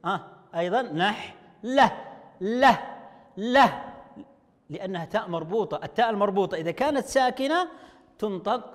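A male teacher giving an online language lesson to young children, slowly sounding out words syllable by syllable. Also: sits high, lively intonation, big-room sound. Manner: slow, drawn-out syllable-by-syllable explaining. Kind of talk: online Arabic lesson for first graders.

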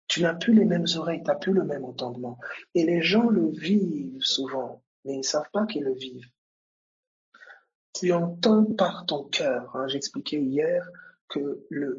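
A man's voice: on the high side, highs cut off, slight background noise. A man preaching a sermon, repeating key phrases and growing more emphatic as he goes.

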